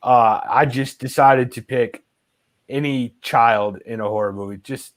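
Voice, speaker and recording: A man's voice: mid-range voice, unhurried. A man hosting a casual live stream, reading viewer comments aloud with many "uh" fillers. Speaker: host.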